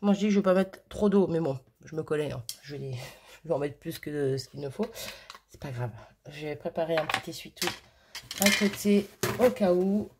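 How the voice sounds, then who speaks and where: A woman's voice: low voice, moderate pace, darkish tone, a little hiss or hum. A woman hosting a crafting video, chatting casually and thinking aloud with fillers and little laughs as she works. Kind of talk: casual crafting tutorial chat.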